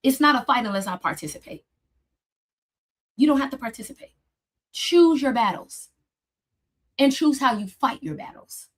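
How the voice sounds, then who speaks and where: A woman therapist talks straight to her viewers in a casual advice chat, with a lilt. Her voice sits a little on the higher side, and she turns emphatic and lively when she presses a lesson, addressing everyone as "y'all.". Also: moderate pace, pauses often. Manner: emphatic, addresses listeners as "y'all", rises sharply when stressing points. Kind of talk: casual motivational talk.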